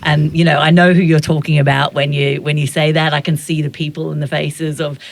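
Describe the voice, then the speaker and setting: Speaking quickly in a voice on the high side with vocal fry and little pitch movement, this man is a photographer and teacher. During a reflective interview he searches for his words, thinking aloud and frequently starting over.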